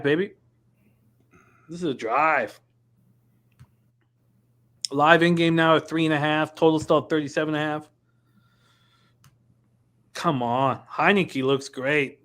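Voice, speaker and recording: Male live betting stream host, slightly high voice, frat-bro hype with lots of swearing and slang, casual game commentary. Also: fairly bright tone.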